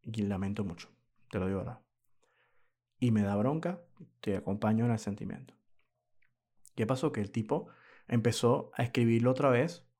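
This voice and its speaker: Podcast guy telling a story, kinda preachy and fed up, relaxed mellow voice. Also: medium pitch, normal speed, pauses often, slightly rough. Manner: indignant, moralizing, asks listeners rhetorical questions. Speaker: podcast host. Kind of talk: casual storytelling monologue.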